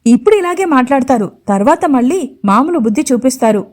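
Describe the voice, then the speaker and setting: A woman's voice: high-pitched, expressive, fast, a little mellow. A woman voicing a corrupt male police officer who barks orders brusquely. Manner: brusque, commanding. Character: male police sub-inspector, rough and corrupt.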